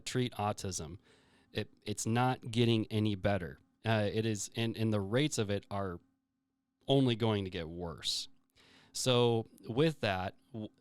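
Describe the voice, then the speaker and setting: A man's voice: on the low side, clear, resonant tone, no room sound. A man hosting his own show, talking through health statistics in a casual monologue, with plenty of fillers and restarts. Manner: rambling, many fillers and restarts. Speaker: show host.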